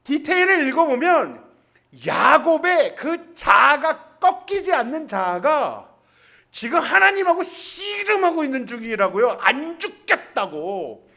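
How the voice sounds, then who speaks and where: A man with a very high-pitched, creaky, pushed and bright voice preaches at a measured pace with big swings in pitch. His sermon, given in a Hanoi church, is casual and funny, built on stories whose dialogue he acts out in character voices.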